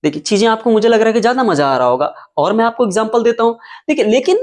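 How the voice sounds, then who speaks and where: A man's voice: sits high, very animated. Man teaching spelling at a whiteboard. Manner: explains step by step, spells words letter by letter and repeats them slowly. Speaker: English teacher. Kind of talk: whiteboard lesson. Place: classroom with whiteboard.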